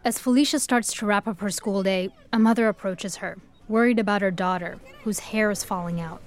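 A woman co-hosting a podcast, narrating the story in a measured, scripted way. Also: mid-range voice. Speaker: podcast co-host.

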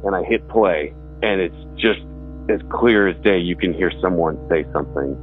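A man's voice: low voice, moderate pace, faint music behind. A man from Texas casually recounting a story at home in a loose, rambling way, with restarts. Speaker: musician and homeowner telling a ghost story. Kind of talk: casual spoken recollection. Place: his house in the woods. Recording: dry, thin phone-like sound.

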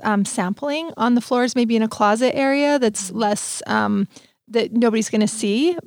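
A woman's voice: on the high side, vocal fry, a little mellow, dry recording, clean studio sound. A woman hosting an advice show's next-episode teaser, talking in an informal, plainspoken way. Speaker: host giving advice.

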